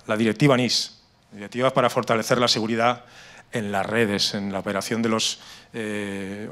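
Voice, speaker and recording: Presenting on cybersecurity at a live conference with slides, a middle-aged Spaniard with a Spanish accent explains his topic into a handheld microphone, frequently restarting and repeating himself. His voice is mid-range and fairly bright, and he addresses a seated audience in an indoor conference room.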